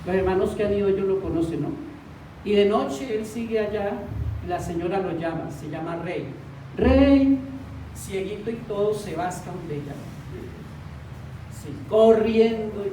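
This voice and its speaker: Woman preacher, slow and emphatic, recorded from a distance in a church with faint room sound. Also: mid-range voice, dark tone, a little hiss or hum. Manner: questions the congregation often, slow and emphatic. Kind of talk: sermon. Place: church hall. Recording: distant mic in an echoey church hall.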